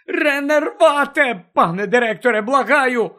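A man's voice: high voice, expressive, measured pace, voice pushed up, full character voice. A man voicing a panicked teenage boy wizard, pleading and crying out in desperation. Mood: desperate pleading. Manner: pleading, frantic shouting. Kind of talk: audiobook character voice.

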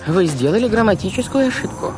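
A high, lilting, prim older aunt, put on by a male narrator, nervous and pedantic as she corrects everyone's grammar. Her voice swoops with fussy precision over music. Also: lively intonation, fast. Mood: lecturing. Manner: prim, lecturing, shaky. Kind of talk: audiobook character voice.

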